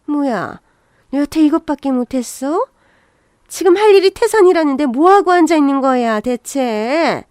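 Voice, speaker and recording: A woman's voice: sits high, unhurried, darkish tone, dry recording, studio quality. Woman voicing a harsh, nagging old mother-in-law. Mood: scolding. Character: bossy scolding older mother-in-law.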